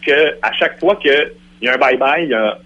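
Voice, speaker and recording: A man's voice: mid-range voice, a little fast, bright, forceful tone, slight background noise. A man with a Quebec French accent, a radio guest arguing insistently in a heated debate. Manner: insistent, argumentative. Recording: lo-fi radio broadcast.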